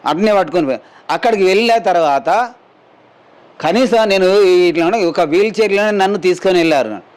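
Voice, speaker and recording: Speaking at normal speed in a high voice, this middle-aged man from Telangana, India, is a mine worker who was hurt on the job. For a news camera, he tells an interviewer his story in a plain, rambling way and repeats what others said to him.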